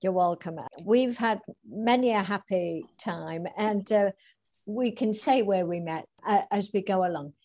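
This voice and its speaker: A woman hosting a podcast interview, chatty and quick to laugh. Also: mid-range voice, warm tone, dry recording. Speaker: podcast host. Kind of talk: casual interview.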